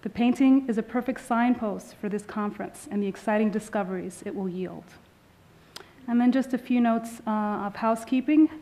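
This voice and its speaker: A woman museum curator giving formal welcome remarks in an auditorium, speaking from a podium microphone and often pausing on "uh". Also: fairly high pitch, dark tone. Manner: formal, with frequent filler "uh"s.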